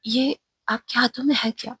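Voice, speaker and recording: A cheerful, clingy young student, as a woman storyteller puts her on, speaking sweetly and teasingly. The tone is soft, very breathy and husky. The recording is dry and close. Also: a little high, fairly even intonation, normal speed, no echo, heavily acted. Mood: curious.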